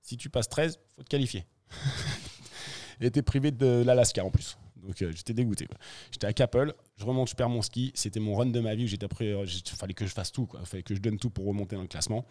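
A man, a professional freeride skier, telling a story in a casual interview, slangy and animated, acting out the scenes as he goes. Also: lowish voice, fast talker.

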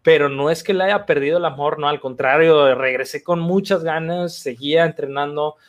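A middle-aged man with a Mexican accent, an athlete guest retelling his career in a casual, slangy, animated way. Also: on the high side, normal speed. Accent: Mexican Spanish. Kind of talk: casual interview storytelling.

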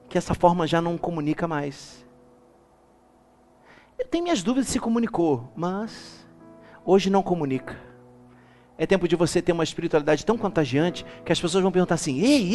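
A man preaching a lively church sermon as bishop, calling the congregation to repeat after him and building up to shouts. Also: fairly high pitch. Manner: animated, rising to shouts, calls congregation to repeat.

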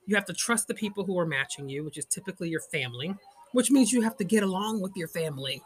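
A woman's voice: fairly low pitch, animated, fast talker. A woman hosting her own podcast, talking casually and animatedly, laughing often. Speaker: podcast host. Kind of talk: casual solo podcast chat.

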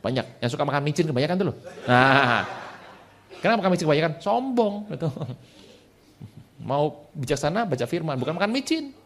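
A middle-aged male pastor telling a humorous story in his sermon, shifting from hushed asides to loud exclamations. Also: on the high side, sing-song, fairly quick, long pauses. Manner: playful, joking, colloquial.

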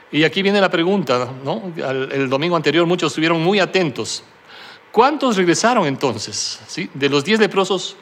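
A middle-aged male pastor with a noticeably high voice for a man preaches a sermon. He tells his story in a conversational way, checking in with the congregation through constant tag questions. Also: a bit bright. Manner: self-deprecating humor.

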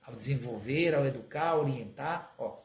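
A man giving an earnest spiritist talk on raising children, often stretching words slowly for emphasis. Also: mid-range voice. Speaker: spiritist lecturer. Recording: echoey room.

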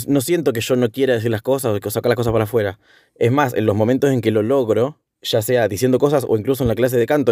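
A man's voice: mid-range voice, mellow, dry recording, studio quality. A young man with a Rioplatense Spanish accent, talking through his thoughts in a hesitant, self-correcting way. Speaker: host. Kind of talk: casual reflective monologue.

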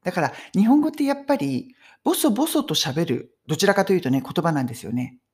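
Lively woman teaching English conversation. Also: on the low side, quick pace. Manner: lively, emphatic, friendly teaching tone. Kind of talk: casual video lesson. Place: home in London.

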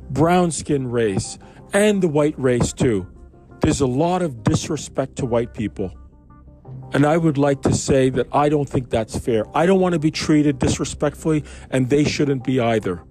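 A man from Canada reads a Bible passage aloud, then talks it over in a loose, chatty way, tossing in asides and questions to his listeners. His voice is mellow and sits at a middle pitch. Soft music plays faintly underneath. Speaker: Bible commentator. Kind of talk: informal Bible reading and commentary.

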